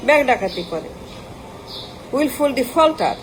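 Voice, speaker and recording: A woman's voice: high voice, big pitch swings, normal speed, slight background noise, low-quality recording. A woman giving an impassioned political rant, firing off long lists of insults and mixing in English words. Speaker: political commentator.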